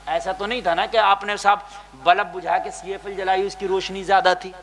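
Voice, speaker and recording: A man preaching an emotional sermon, dropping to a hush and then shouting, with sighing cries in between. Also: high-pitched, little pitch movement. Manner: swings from hushed to shouting, sighs and wails. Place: gathering with a live crowd.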